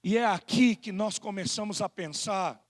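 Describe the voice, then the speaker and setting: Man, Brazilian Portuguese accent, pastor, lively sermon, very high voice. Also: normal speed. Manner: animated preaching, acting out excuses in quoted voices.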